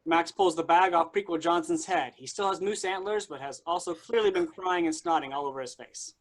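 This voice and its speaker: A man's voice: high-pitched, brisk. A man narrating a tabletop game as game master in a dry, matter-of-fact way.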